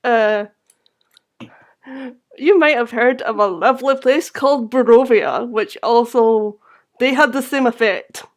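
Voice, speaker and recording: A woman acting as game master, improvising narration for a tabletop game in halting phrases. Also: fairly high pitch.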